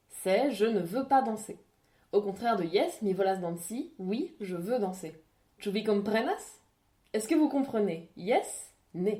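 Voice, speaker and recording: Woman presenter, scripted lesson narration, clear and didactic. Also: medium pitch, dark tone. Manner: clear, didactic, spells out examples slowly.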